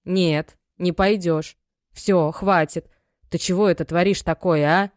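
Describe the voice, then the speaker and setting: A woman's voice: lowish voice, moderate pace, no room sound, studio quality, lightly acted. A woman voicing an aging, worried mother who scolds and pleads in homely, folksy speech. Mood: scolding. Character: aging worried mother, stern yet loving.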